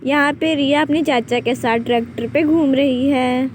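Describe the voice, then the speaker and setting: A woman narrating a homemade doll story, her voice high and plainly explaining. Noticeable hiss sits under the recording. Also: fairly even intonation, normal speed. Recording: noisy home recording.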